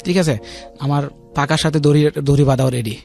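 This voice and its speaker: With a fairly high, slightly mellow voice showing vocal fry, he speaks a little fast and with fairly even intonation. He's a man in his 30s with a Bangladeshi accent telling his story as a radio guest, repetitive and full of check-in tags. Faint music plays in the studio background.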